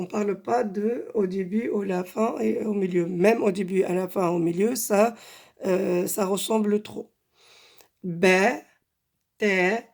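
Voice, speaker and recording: A woman teaching Arabic letters, saying each sound three times and explaining patiently with many pauses and fillers. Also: mid-range voice, gravelly, dark tone. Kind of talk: slow spoken lesson, drilling letter sounds.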